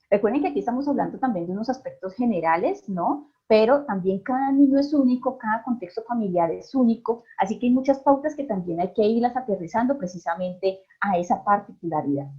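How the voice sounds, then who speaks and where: A woman's voice: fairly high pitch, slightly rough, highs cut off. A woman psychologist giving an online parenting talk, often asking her audience questions and checking with "¿listo?".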